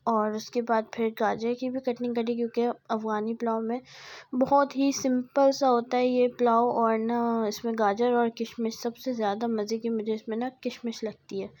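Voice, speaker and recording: A woman's voice: a little high, flat delivery, normal speed, a little mellow. Chatty woman narrating her vlog. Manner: chatty, self-correcting, rambling. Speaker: vlogger. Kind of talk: casual vlog voice-over.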